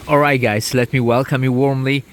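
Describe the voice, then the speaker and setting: A man giving a casual product review to camera outdoors, speaking haltingly in short phrases. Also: medium pitch, level tone. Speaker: vlogger reviewing motorcycle gear. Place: outdoors by a creek. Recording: outdoor ambient noise behind voice.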